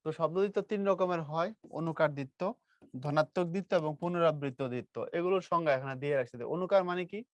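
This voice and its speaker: A man teaching a grammar lesson to a class in a lively, teasing way, quizzing his students. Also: a little high, rapid-fire, no echo.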